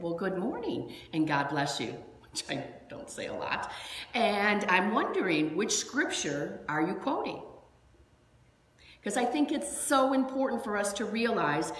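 A woman minister giving a sermon in a church, chatty and animated, telling stories with lots of asides. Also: lowish voice. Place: church sanctuary. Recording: echoey hall with long reverb.

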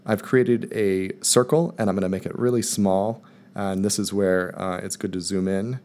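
A man calmly walking viewers step by step through a screen-recorded software tutorial, in voice-over. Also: deep voice, moderate pace. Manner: calm step-by-step explaining. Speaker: math teacher presenting a tutorial. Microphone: voice-over recorded over screen capture.

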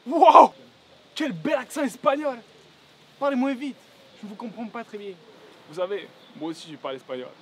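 A man's voice: very high-pitched, moderate pace, pauses often, fairly bright tone, slight background noise. A man playing a condescending police officer in an amateur comedy film, with music playing underneath. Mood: smug. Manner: condescending, mock-polite. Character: smug mocking male police officer.

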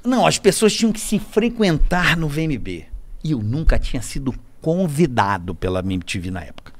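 A man's voice: fairly high pitch, moderate pace. A man from Rio de Janeiro with a Carioca accent, telling casual, swearing anecdotes as a podcast guest. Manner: animated, swearing, laughing anecdotes. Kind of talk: casual storytelling.

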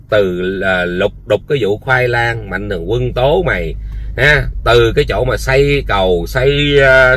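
A man lectures someone in a heated, repetitive rant, peppering it with rhetorical questions. At other times he drops into a quiet, low-key sales pitch. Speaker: online commentator. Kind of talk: heated personal rant to camera.

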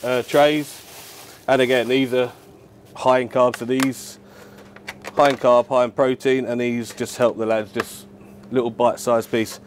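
A head chef at a football club talks casually and matter-of-factly to camera about his work, indoors in the club's kitchen and dressing room. His mid-range voice stays level and unhurried, with slight background noise.

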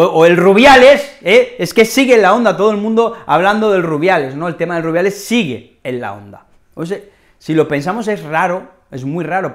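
Expressive Spanish-accented woman teaching. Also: deep voice. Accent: Spain. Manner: expressive, repeats key phrases, acts out examples. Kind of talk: teaching a language lesson.

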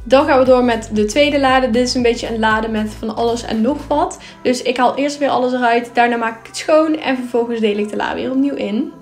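A woman's voice: fairly high pitch, a little fast, few pauses, faint music behind. A young woman narrating a clean-with-me vlog in a chatty, upbeat voice-over with casual filler words. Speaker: vlogger.

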